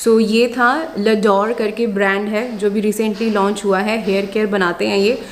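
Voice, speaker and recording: A woman chatting casually through a beauty product haul, mixing in English phrases and pausing often with filler sounds. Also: mid-range voice, level tone. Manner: mixes Hindi and English, many filler sounds. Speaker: beauty vlogger.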